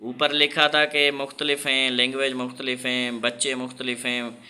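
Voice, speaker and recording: A man teaching an English reading lesson, reading English lines slowly and then explaining them in Hindi-Urdu. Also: medium pitch, level tone, bright, forceful tone.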